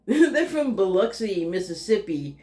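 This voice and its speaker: A woman's voice: medium pitch, big pitch swings, a little slow, a little mellow. Lady rambling about a tv show, lots of laughs and ums, echoey room sound. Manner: rambling, laughs often, many fillers. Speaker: TV critic. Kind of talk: casual TV review monologue. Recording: roomy echo.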